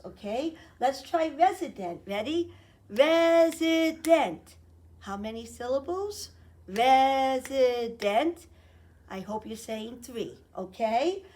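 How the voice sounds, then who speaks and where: A woman teacher giving a remote lesson to young children, explaining slowly and clearly. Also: fairly high pitch, warm tone. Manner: sings a slow chant and invites children to join.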